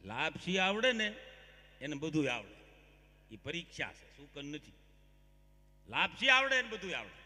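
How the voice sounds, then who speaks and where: A man's voice: fairly high pitch, unhurried, long pauses. A man telling comic stories on stage, talking straight to the audience. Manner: lively, addresses audience directly. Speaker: folk comedian. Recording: long hall reverb.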